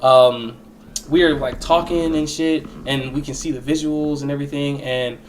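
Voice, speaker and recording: Slangy young man, higher-pitched, noisy recording. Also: steady tone, moderate pace. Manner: rambling, slangy and profane. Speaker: storyteller recounting a personal experience. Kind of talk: casual storytime monologue.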